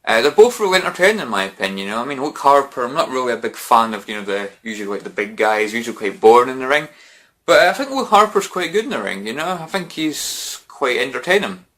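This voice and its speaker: A man's voice: medium pitch, big pitch swings, fast talker, fairly bright tone. A man giving casual wrestling predictions to camera, rambling with lots of fillers and restarts. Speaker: wrestling fan vlogger.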